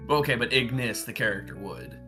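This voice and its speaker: A man's voice: mid-range voice, a little fast. A man playing in a tabletop game, chatting casually and joking with the group. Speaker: player. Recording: soft guitar music behind.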